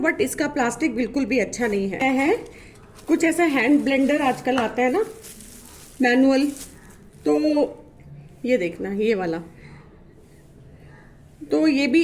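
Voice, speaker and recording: A woman's voice: high-pitched, reverberant, a little hiss or hum. A woman vlogging casually to camera, chatty and full of fillers, complaining about the poor quality of the items she shows. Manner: showing items while talking. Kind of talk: casual vlog talk to camera.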